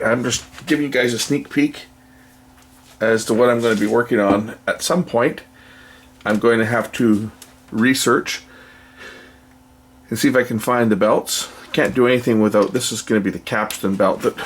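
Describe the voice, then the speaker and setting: Pausing often, a lowish-voiced man narrates a repair job off the cuff at a moderate pace. He frequently trails off or questions himself, and the room's ambience and background noise come through clearly.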